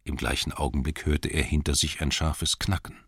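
A man with a very low voice reads a story aloud, slow and deliberate, letting tense passages rise and quiet ones sink nearly to a whisper. The sound is close and dry, without any room echo. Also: fairly even intonation, breathy edge. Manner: slow, deliberate, with dramatic rises and hushed drops. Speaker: audiobook narrator. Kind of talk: scripted narration.

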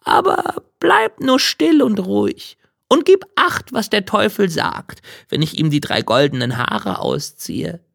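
Played by a man in a high, creaky falsetto, a crafty yet kindly old grandmother fusses in an exaggerated sing-song voice with big pitch swings, sounding cautious. The storybook reading is dry with no echo, unhurried and a bit bright.

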